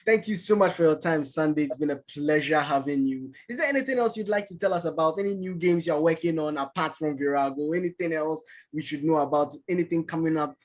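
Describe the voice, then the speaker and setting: A man's voice: a little high, fairly quick. A man hosting an interview conversationally, with polite questions and courteous phrasing.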